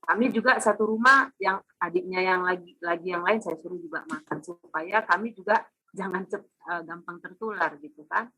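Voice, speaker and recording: A woman giving a casual, animated testimony over a video call, acting out her family's dialogue as she tells it. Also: fairly low pitch, moderate pace, slightly rough, dry recording, poor audio. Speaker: testimonial speaker.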